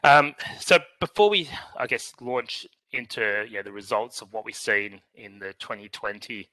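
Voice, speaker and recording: A man with a croaky, hoarse voice giving a meeting presentation, halting with many fillers and restarts. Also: fairly low pitch, flat delivery, bright, forceful tone, no echo, low-quality recording. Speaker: presenter filling in for a scientist. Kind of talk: meeting presentation over a call.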